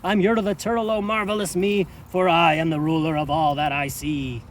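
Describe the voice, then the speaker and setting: A man voicing a pompous, boastful male turtle king who barks loud, bossy orders in a storybook reading. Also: fairly high pitch, steady tone, a little fast, slight background noise, natural voice. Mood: gleeful.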